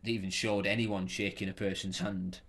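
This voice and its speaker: A young man with a low voice co-hosting a relaxed podcast. He chats agreeably and stumbles over repeated false starts as he tells a story. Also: a little fast, breathy edge. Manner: chatty, stammering restarts, agreeable. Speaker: podcast co-host. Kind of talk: casual chat.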